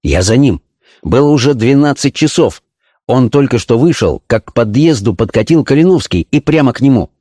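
A man voicing an eager young informant in a storybook reading, reporting what he has seen in a raised, excited voice. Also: mid-range voice, moderate pace, no room sound, studio quality, close to an everyday voice.

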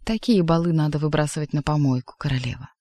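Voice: mid-range voice, quick pace, mellow, dry recording, studio quality, lightly acted. Figure: a reader putting on a sly demon courtier. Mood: ingratiating. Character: sly fawning male demon courtier, middle-aged. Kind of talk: audiobook reading.

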